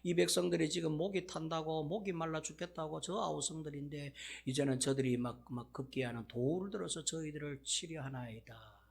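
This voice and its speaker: A man's voice: a little high, brisk, gravelly, hardly any pauses, a little mellow. A male pastor speaking as Moses, earnestly pleading with God for his people.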